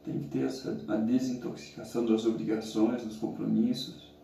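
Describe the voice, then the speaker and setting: A middle-aged man with a Brazilian accent talks casually and reflectively in halting phrases while sitting in ice cold water. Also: medium pitch, level tone, vocal fry, warm tone. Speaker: challenge vlogger. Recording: roomy, echoing, distant mic, faint noise.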